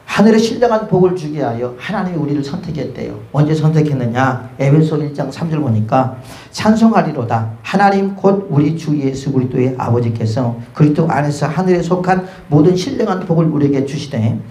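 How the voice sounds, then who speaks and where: A man's voice: fairly high pitch, fairly quick, hardly any pauses. A middle-aged man preaching a sermon as pastor, telling stories and acting out the voices in his dialogues. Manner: lively storytelling, acts out dialogue with God and friends. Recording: echoey church room.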